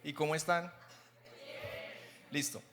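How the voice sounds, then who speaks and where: A man's voice: fairly high pitch, level tone, takes it slowly, fairly bright tone, slight background noise. A man in his twenties with a Bogotá Colombian accent, giving a chatty testimonial sermon in church, often checking in with "¿sí?". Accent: Bogotá Colombian Spanish. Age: 20s. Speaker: young preacher. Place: church sanctuary. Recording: long church hall reverb.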